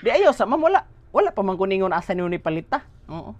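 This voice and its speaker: A woman's voice: sing-song, fast talker, a little mellow, no echo, lo-fi sound. A woman playing a cheeky, friendly male nurse in a comedy sketch, talking in a teasing, playful way. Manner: teasing, playful, swings pitch widely.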